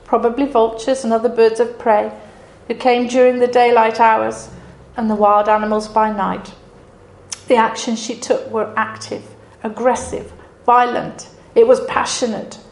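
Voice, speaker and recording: A woman giving an earnest, reflective devotional Bible message in a dramatic storytelling manner. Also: fairly high pitch. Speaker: preacher. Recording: roomy echo.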